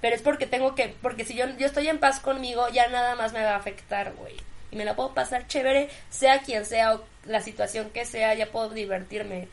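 Mexican girl in her 20s cohosting a podcast, kinda high voice, super casual slangy chat. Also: fairly quick. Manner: slangy, lively, laughs often. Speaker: podcast co-host.

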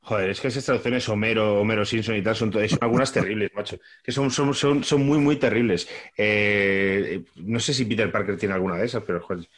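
A man's voice: on the low side, fairly quick, few pauses. A man from Spain with a Spanish accent, chatting casually as a podcast co-host, laid-back and slangy, often repeating his words. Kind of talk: casual chat.

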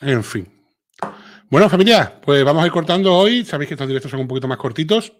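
A man's voice: a little high, lively intonation, fast. Chatty Sevillian man hosting a livestream. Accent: Andalusian (Sevillian). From Seville, Spain. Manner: chatty, reads viewer comments aloud, frequent filler tags. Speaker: livestream host. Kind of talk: casual live chat with viewers.

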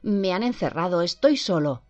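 Una mujer lee con voz propia a un niño maltratado que relata, tenso y entrecortado, su encierro. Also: female voice, lowish voice, lively intonation, moderate pace, darkish tone, voice pushed up, natural voice. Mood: fearful. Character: frightened abused young boy recounting. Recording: dull lo-fi with faint music.

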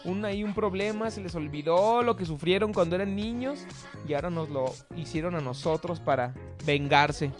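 A man's voice: sits high, expressive, normal speed, music in the background. A man with a Mexican accent, co-hosting a radio show in casual banter, joking and acting out his parents' voices. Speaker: radio co-host.

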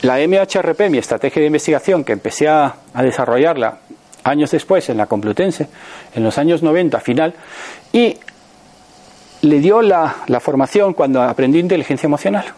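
Animated Spanish man in his sixties. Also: a little high, a little fast. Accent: Spain Spanish. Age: 60s. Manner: animated, many rhetorical questions and checks like "right?". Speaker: motivational speaker. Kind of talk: motivational talk to an audience.

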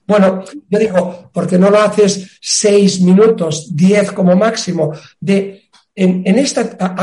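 A man's voice: high voice, mellow. A man from explaining a fitness method in an interview, emphatic and acting out small dialogues. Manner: emphatic, acts out little dialogues. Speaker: fitness expert guest. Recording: roomy echo.

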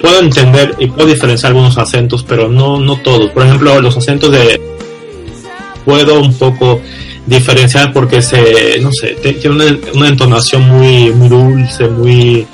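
A man's voice: medium pitch, fairly even intonation, moderate pace, soft background music. A man interviewing a guest in a casual chat, often ending remarks with a questioning tag. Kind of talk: casual conversation.

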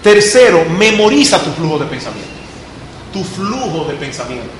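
A man, a pastor, giving a lively classroom lecture on public speaking and talking straight to the students. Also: a little high, moderate pace. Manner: lively teacher, addresses students directly. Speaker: pastor giving a guest talk. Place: school classroom. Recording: roomy classroom with background noise.

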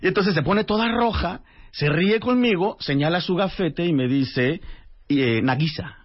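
A man, a radio guest telling a lively anecdote and acting out the dialogue. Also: a little high, moderate pace, slightly rough. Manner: animated storyteller acting out dialogue. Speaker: radio guest, author and translator. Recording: dull lo-fi radio audio.

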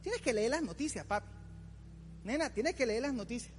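Preaching a casual sermon to young people, a man in his forties uses a very high-pitched voice with lively intonation and a moderate pace. He teases, talks colloquially, and mimics imagined complainers, while slight background noise, music, and long hall reverb fill the recording.

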